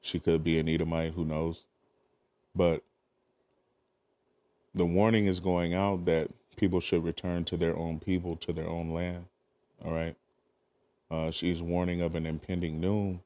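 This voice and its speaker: A man with a low, warm voice preaches, reading archaic scripture verses aloud. He breaks in with short asides to his listeners, tagging them with "all right?".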